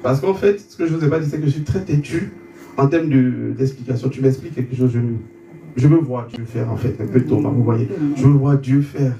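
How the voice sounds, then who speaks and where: A man's voice: medium pitch, brisk, vocal fry, dark tone, muffled recording. A man from Côte d'Ivoire, giving a testimony as an interview guest. He tells his story with stumbling repeated words and acts out the dialogue in it. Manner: stumbling repetitions, re-enacting dialogue. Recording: roomy sound, distant mic, faint background hum.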